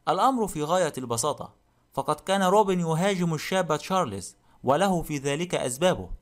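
A blustering, rude burly man, put on by an audiobook reader, gruff and blunt. His voice sits a little high for a man. He barks short, dismissive remarks. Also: expressive, fast, close to an everyday voice. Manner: gruff and blunt, barking insults. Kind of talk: audiobook character reading.

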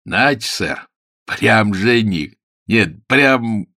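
A man's voice: on the low side, expressive, very slow, bright, forceful tone, dry recording, studio quality, exaggerated voice. A man voicing a polite, obliging male doorman who speaks deferentially, in an audiobook.

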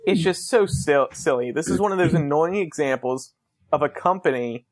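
A man's voice: a little high, expressive, moderate pace, no room sound. Man hosting a casual call-in show, dry sound. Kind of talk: casual talk show chat.

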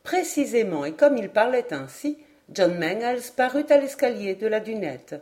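A woman reading a classic adventure novel aloud as an audiobook narrator, in an expressive literary style. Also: fairly high pitch, normal speed. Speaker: audiobook reader. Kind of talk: scripted narration.

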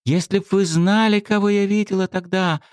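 A man voicing a shy, excitable teenage girl who talks in eager, confiding bursts. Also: high-pitched, normal speed, clear, resonant tone, no echo, studio quality, voice pushed up, lightly acted.

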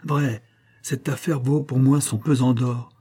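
A man reading an audiobook, putting on a brisk, amused male detective. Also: medium pitch, fairly even intonation, dark tone, husky.

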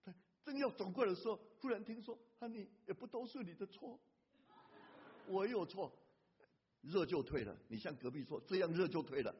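A man pastor preaching a sermon in an animated way, breaking into a hymn at times. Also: high voice, moderate pace, breathy edge. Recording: lo-fi church hall reverb.

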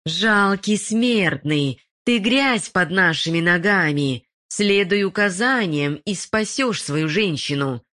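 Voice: medium pitch, lively intonation, takes it slowly, few pauses, pushed and bright, voice pushed up. A narrator voicing a chorus of malicious female forest spirits, hissing and gloating, in an audiobook. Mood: contemptuous, commanding. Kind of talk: audiobook voice acting.

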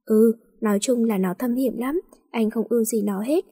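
A woman voicing a scornful older brother in a storybook reading who speaks in quiet warnings. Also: normal speed, breathy edge. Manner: low-key warning, scornful.

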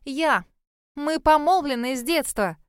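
A woman's voice: on the high side, sing-song, moderate pace, smooth, no room sound, studio quality. A woman voicing a spiteful, catty young woman who taunts her rival in a sneering tone. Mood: shrill. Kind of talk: audiobook character voice.

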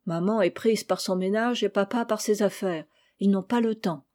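A woman's voice: mid-range voice, normal speed, darkish tone, close to an everyday voice. A woman reading the lines of a moody, rueful young man in an audiobook, in a sulky tone. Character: moody, gloomy young male cousin.

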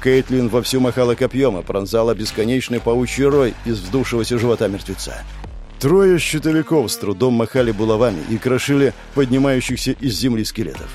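A man narrating a dramatic fantasy story, raising his voice for the characters' cries. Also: a little fast. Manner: raises pitch and shouts for characters' cries. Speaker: audiobook narrator. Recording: narration over soft music.

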